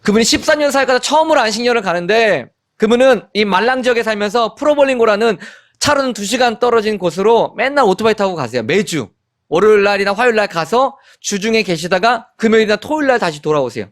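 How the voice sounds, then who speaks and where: A man in his forties preaching a sermon in a high, light voice. He moves from raised, emphatic lines to soft, lowered ones and acts out family arguments as he speaks. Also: quick pace. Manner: animated, acts out family quarrels in quoted lines. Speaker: missionary pastor.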